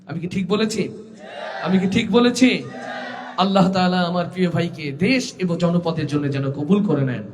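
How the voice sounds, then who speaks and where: High-voiced fervent Bengali stage singer. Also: male voice. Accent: Jashore Bengali. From Jashore region, Bangladesh. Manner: rousing call-and-response, fervent, commanding. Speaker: Islamic gojol singer on stage. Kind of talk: live religious stage address to a crowd. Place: open-air stage at a live event.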